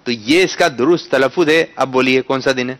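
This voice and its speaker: Bright-voiced man hosting a kids' quiz. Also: mid-range voice. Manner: coaxing, corrects pronunciation patiently; bursts into loud announcements. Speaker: quiz host for children. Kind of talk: studio quiz with children.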